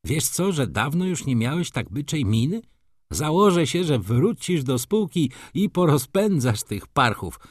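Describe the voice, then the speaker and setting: A man's voice: a little high, very animated, measured pace, no echo, clean studio sound, voice pushed up. A man voicing a cynical middle-aged doctor who teases his friends in a sardonic, expansive way, in an audiobook. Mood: mocking.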